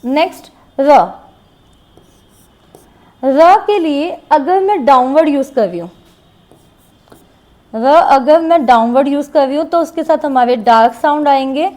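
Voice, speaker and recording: A woman with a high, light voice gives a shorthand class. She talks slowly and patiently and repeats each example word while she writes. The faint scratch of a pen on paper can be heard under her voice. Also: darkish tone. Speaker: shorthand teacher. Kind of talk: classroom lesson explaining shorthand strokes.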